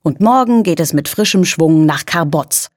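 A woman's voice: sits low, animated, moderate pace, no room sound, studio quality. A woman voicing a carefree, cheerful mother who talks in a breezy, upbeat way.

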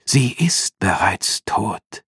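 Man putting on a slow, cold demon king. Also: lowish voice, lively intonation, a bit bright, breathy edge, no room sound, studio quality, heavily acted.

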